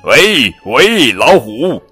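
A man's voice: fairly low pitch, very animated, measured pace, soft background music, voice pushed up. A man doing a cheerful kind elephant. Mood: calling.

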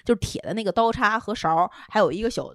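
A young woman co-hosting a casual podcast, telling a story in an animated way and acting out the quotes. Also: mid-range voice, quick pace, dry recording, clean studio sound. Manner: animated storyteller, acts out quotes, laughs often. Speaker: podcast co-host.

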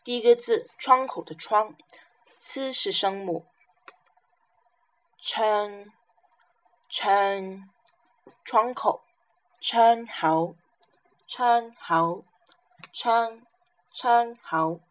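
A woman's voice: medium pitch, slow pace, pauses often. A woman teaching a pronunciation lesson, repeating each syllable and example word several times. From southern China. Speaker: language teacher.

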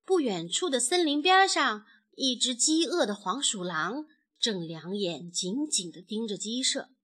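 A mother reading a children's story aloud, lively and expressive, her voice lilting up and down. The tone is bright and sits fairly high. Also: breathy edge. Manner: animated, expressive. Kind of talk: children's bedtime story narration.

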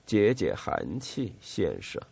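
A man reading an audiobook voices a hoarse, cringing river guide who sobs, stammers and begs for a drink. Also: lowish voice, wildly swooping pitch, slow, darkish tone, no room sound, full character voice. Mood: begging. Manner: sobbing, pleading and stammering.

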